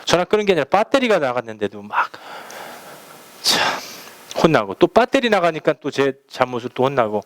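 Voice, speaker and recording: Korean pastor telling a story from the pulpit. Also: male voice, on the high side, big pitch swings, fairly quick, fairly bright tone, no echo. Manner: conversational storytelling, acts out quoted phone calls. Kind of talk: sermon with personal anecdotes.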